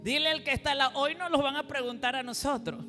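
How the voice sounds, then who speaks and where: A fast-talking woman preacher with a high, steady, sharp-toned voice runs a call-and-response sermon, having the congregation echo her lines. It's recorded in a reverberant church hall with faint music.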